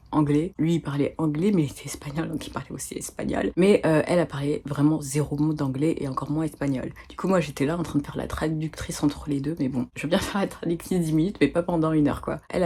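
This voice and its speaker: A woman's voice: deep voice, dark tone, slight background noise. A woman with a French accent, telling a rambling, chatty story as a travel vlogger talking to her viewers. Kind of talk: casual chat to camera.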